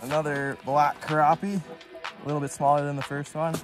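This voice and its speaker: A man's voice: a little high, flat delivery, normal speed, music in the background. Young man fishing outdoors, easygoing. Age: young adult. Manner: easygoing, enthusiastic, explains as he fishes. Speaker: fishing vlogger. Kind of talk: casual on-camera commentary. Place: outdoors on a frozen lake. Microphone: camera on the ice nearby.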